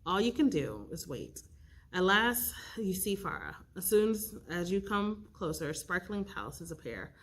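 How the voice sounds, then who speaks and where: A woman reading an interactive storybook aloud, expressive and stopping to pick the story's path. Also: on the low side, unhurried, slight background noise. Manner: expressive, with slips and restarts, rolling dice for choices. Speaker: youth librarian reading aloud.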